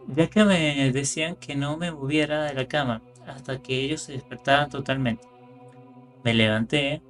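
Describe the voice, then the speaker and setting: A man reading horror stories aloud in calm scripted narration, rising for the tense moments. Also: medium pitch. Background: faint music.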